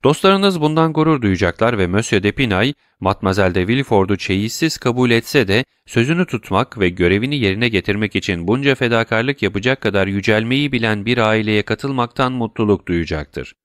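In an audiobook, a man voices a gracious, worldly count who speaks in long, elaborate, courtly sentences. His natural, lowish voice is animated, a little fast and has few pauses, recorded dry and close without any room sound.

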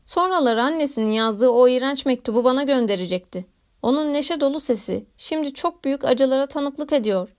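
A woman reading a classic novel aloud in a measured, literary narration. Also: high-pitched, animated. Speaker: audiobook narrator. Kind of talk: scripted narration.

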